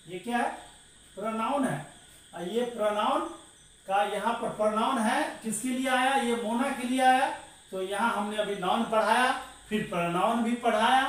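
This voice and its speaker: Echoey, higher-voiced male teacher. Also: a bit bright. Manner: asks the class questions and answers them himself, calls listeners "dear". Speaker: English grammar teacher. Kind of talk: classroom grammar lesson. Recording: very echoey room, voice far from the mic, faint noise.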